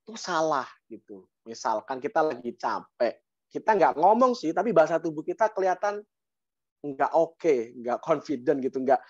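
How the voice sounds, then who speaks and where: A man with an Indonesian accent giving a motivational mentoring talk on an online call, lively, with sudden rises and repeated phrases for emphasis. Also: on the high side, no echo. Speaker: guest speaker, business mentor. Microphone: online call microphone. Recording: dry, dull online-call audio.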